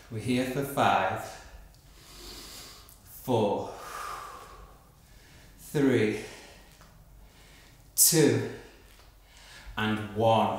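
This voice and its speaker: Male fitness instructor, 30s, encouraging and exerting himself, very slow spaced delivery, strongly reverberant room. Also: mid-range voice. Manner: encouraging, counting down reps. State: exerting himself while exercising. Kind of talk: upbeat workout coaching. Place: bright indoor home studio room, exercising on a mat. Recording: very echoey hard-walled room.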